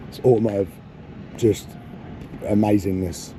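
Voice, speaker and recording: A man's voice: fairly low pitch, fairly even intonation, a little slow. A man vlogging at an airfield, talking casually and joking with laughs between lines. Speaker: car vlogger. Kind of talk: casual vlog chat. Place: outdoors at an airfield near cars. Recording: outdoor vlog with clear background noise.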